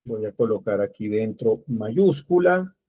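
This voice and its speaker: Slow-speaking man teaching code. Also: fairly low pitch, animated, husky, dry recording. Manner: slow, thinking aloud while typing code. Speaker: programming teacher. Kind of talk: screen-recorded coding tutorial. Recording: dull, lo-fi dry recording.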